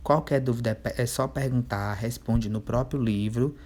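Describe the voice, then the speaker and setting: Man, teacher of young kids, patient, drawls words out slowly to spell them, keeps checking that the class follows. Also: mid-range voice, darkish tone. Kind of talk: remote workbook lesson for children.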